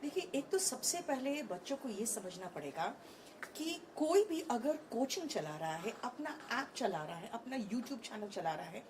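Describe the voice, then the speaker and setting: A woman in her thirties answers interview questions on a conference stage with frank, animated energy, slipping English phrases into her Hindi. Her voice sits slightly high. A faint wash of hall noise lies underneath. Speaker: online English teacher.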